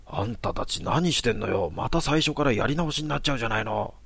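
A man voicing a furious middle-aged woman who yells and scolds, within a narrated horror story. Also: mid-range voice, expressive, fast, creaky, slightly rough, dry recording, voice pushed up. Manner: shouting, scolding.

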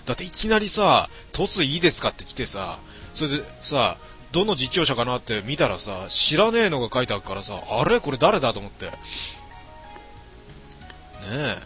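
A man's voice: medium pitch, big pitch swings, normal speed, sharp tone, soft background music. A middle-aged man streaming late at night, reading viewer comments aloud in a casual, mumbling way with many fillers.

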